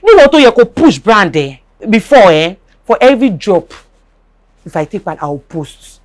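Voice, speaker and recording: A woman with a Nigerian accent hosts a relaxed talk show. Her voice sits at a middle pitch but swings widely in melody as she makes her point, restating it and checking that the listener follows. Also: moderate pace. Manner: animated, repeats herself and checks understanding. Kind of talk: casual chat.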